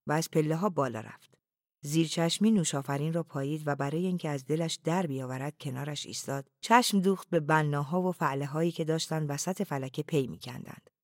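A narrator reading a novel aloud in a calm, even, often hushed way. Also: medium pitch, no room sound, studio quality.

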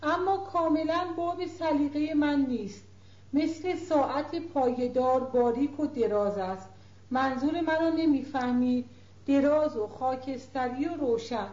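A woman voicing a lively, willful sixteen-year-old girl who talks eagerly and coaxingly in a storybook reading. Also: sits high, lightly acted. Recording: roomy, dull lo-fi recording.

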